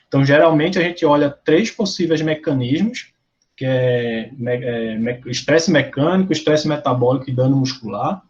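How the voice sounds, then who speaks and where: A man with a Brazilian Portuguese accent explains material to a study group, pausing often to correct himself and search for words. His voice sits at an ordinary pitch and comes through dull and lo-fi, like an online call. The tone is that of an academic lecture. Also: darkish tone. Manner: explanatory, frequent fillers and self-corrections. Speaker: lab meeting presenter.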